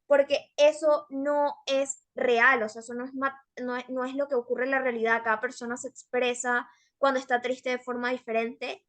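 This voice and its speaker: A woman's voice: sits high, a bit bright. A young woman giving a workshop presentation on public speaking, explaining with frequent fillers.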